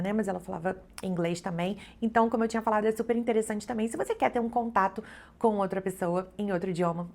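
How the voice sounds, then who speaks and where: A middle-aged Brazilian woman, a travel vlogger and photographer, chats casually to her viewers on camera in a creaky, mid-range voice. She has a Brazilian Portuguese accent and peppers her talk with fillers like "né" and "então."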